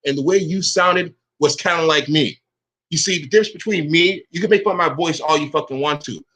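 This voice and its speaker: A fairly high, sharp voice moving at a fairly quick clip carries this angry vlog rant. The man, an online commentator, is confrontational and foul-mouthed, aiming "bro" at his rivals while stating he sounds the same with everyone.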